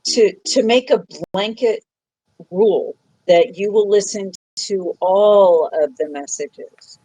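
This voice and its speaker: A woman hosting a psychic podcast, giving a frank, emphatic reading to a caller and scolding him gently. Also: mid-range voice, slow pace, no echo, low-quality recording. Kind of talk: casual live call-in reading. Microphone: phone app recording.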